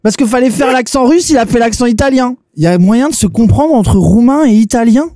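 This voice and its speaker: A man with a high voice co-hosts a reaction video, cracking jokes and riffing on what he watches. The sound is dry and close, with no room around it. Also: dark tone, no room sound. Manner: joking, quick banter, laughs often. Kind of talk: casual reaction chat.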